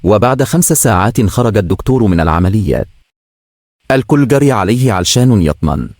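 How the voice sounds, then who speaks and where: A man with an Egyptian accent narrates a storybook in a lowish voice. His reading is plain and measured. The recording is close and dry. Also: expressive, darkish tone, no room sound. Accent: Egyptian Arabic. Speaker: story reader.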